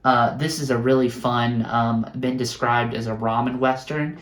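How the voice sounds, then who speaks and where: A man's voice: mid-range voice, steady tone, normal speed, fairly bright tone. A man talks casually about the films he just bought, recommending each one with earnest enthusiasm. His voice sits in a middle register and rings around a roomy, echoey home room. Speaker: guest showing his film haul. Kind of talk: casual film chat.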